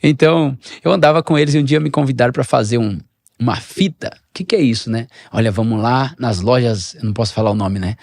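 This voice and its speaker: A middle-aged pastor from Brazil tells a personal story in a podcast interview, speaking fast in a creaky voice with no room sound. An animated storyteller, he shifts pitch and level and acts out the dialogue.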